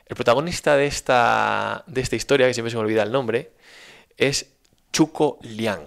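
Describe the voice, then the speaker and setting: A man with a Spanish accent telling a story in a casual, animated, folksy way, often checking in with his listener. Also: medium pitch, moderate pace, gravelly. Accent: Spain. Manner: animated, folksy, frequent "¿vale?" check-ins.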